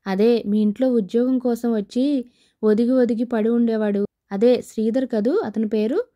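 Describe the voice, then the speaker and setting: A woman's voice: a little high, fairly even intonation, moderate pace, dark tone, lightly acted. A woman voicing a spurned young man who talks in a pleading, sarcastic way. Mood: bitter.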